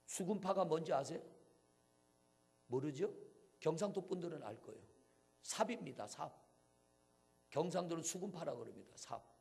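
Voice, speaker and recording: A male pastor preaching a sermon in a church, swinging between hushed near-whispers and loud, emphatic exclamations. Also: fairly high pitch, expressive, normal speed, creaky, pauses often, slightly rough.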